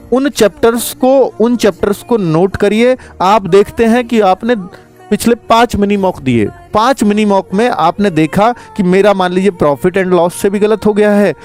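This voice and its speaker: A man's voice: high voice, a little mellow. A man coaching exam students, talking to them directly and emphatically and calling them kids. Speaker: exam prep teacher. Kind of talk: spoken exam advice to students.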